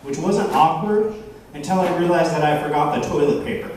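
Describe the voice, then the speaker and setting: A man in his thirties doing a stand-up set on a bar stage, self-deprecating and halting, with lots of fillers. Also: fairly high pitch, darkish tone, far from the mic. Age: 30s. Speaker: stand-up comedian. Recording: roomy bar, from afar, faint crowd noise.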